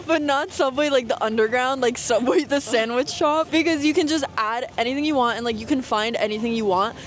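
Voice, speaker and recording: A woman in her twenties answering a street interview outdoors, playful and animated. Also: high voice, a little fast, slight background noise. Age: 20s.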